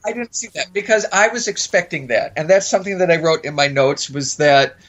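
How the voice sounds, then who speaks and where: A podcast co-host with a fairly high, slightly bright voice talks a little fast in a casual review chat. He's conversational but a bit tentative and repeats his phrases, and the audio is dull and lo-fi.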